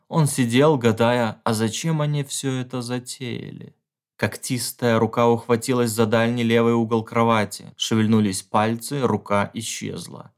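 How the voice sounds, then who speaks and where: A man reading a horror story aloud, with measured, tense storytelling and hushed pauses. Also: on the low side. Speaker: audiobook reader. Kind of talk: dramatic horror narration.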